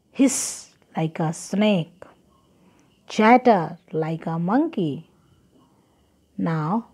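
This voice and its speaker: Slow-spoken woman teacher. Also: on the low side, a little mellow, breathy edge. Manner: slow, spelling words letter by letter. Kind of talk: children's English lesson.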